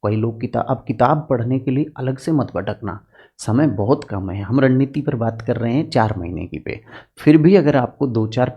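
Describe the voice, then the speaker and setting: A man's voice: mid-range voice, slightly rough, highs cut off. A man teaching political science exam strategy in an earnest, direct lecture, using homely farm examples to make his points.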